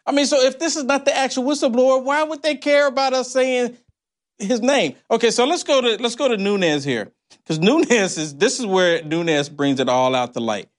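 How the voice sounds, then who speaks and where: A male talk radio host with a distinctly high-pitched voice. He speaks in an opinionated, conspiracy-minded way, sounding incredulous as he stacks up rhetorical questions. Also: lively intonation, moderate pace.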